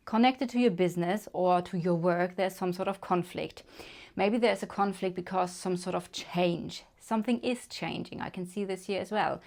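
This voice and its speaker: Reading tarot to the camera, this German-accented woman speaks in a fairly low, creaky voice with a darkish tone. She's chatty and casual, thinking out loud and using lots of fillers as she works through the cards.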